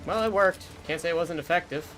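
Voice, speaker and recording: A man's voice: on the high side, fast, faint music behind. A man streaming a shooter game, talking back to the game characters in a dry, joking way, his voice still worn from illness. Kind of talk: casual gameplay commentary. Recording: loud game gunfire behind voice. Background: game gunfire and explosions.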